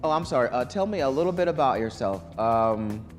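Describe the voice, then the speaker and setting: A man's voice: mid-range voice, lively intonation, fairly quick, soft background music. A man hosting a live student quiz show in a college broadcast studio, chatting loosely with many ums and restarts. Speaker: game show host.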